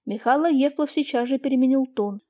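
A woman reading classic prose as an audiobook narrator, in an even, measured way. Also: high-pitched.

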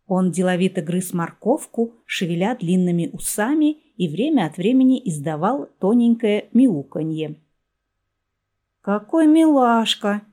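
A woman reading a story aloud in a measured, even storytelling manner. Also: lowish voice. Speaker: audiobook narrator. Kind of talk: scripted narration.

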